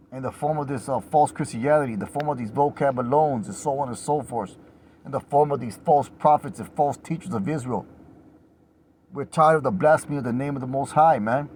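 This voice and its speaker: Dude preaching a loose sermon, reads scripture, gets loud and fired up, says "man" a lot, faint noise behind. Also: medium pitch. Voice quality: rises to a loud passionate cry on the refrains, swears casually. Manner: fills lines with "man" and "you know". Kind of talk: informal sermon reading scripture.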